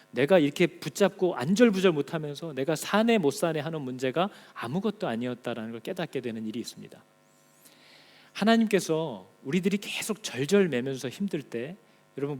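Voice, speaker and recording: A male pastor preaching a Sunday sermon in a church, acting out God's words in lively direct speech. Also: fairly high pitch, a little fast, in a large hall. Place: church in Auckland.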